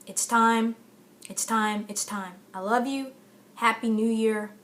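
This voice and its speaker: A woman's voice: a little high, steady tone, takes it slowly, fairly bright tone. A middle-aged woman giving an impassioned motivational address to camera, emphatic and repeating phrases for stress. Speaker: author giving a talk to camera.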